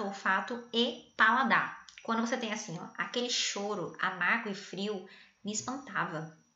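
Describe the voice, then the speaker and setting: A woman's voice: mid-range voice, bright, forceful tone. A woman teacher explaining grammar in a chatty, playful way, often checking in with her listeners. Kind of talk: grammar lesson. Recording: echoey room, dull lo-fi sound.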